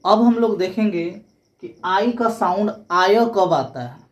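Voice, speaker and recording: A woman teaching English pronunciation, explaining rules step by step and spelling words out letter by letter. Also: mid-range voice.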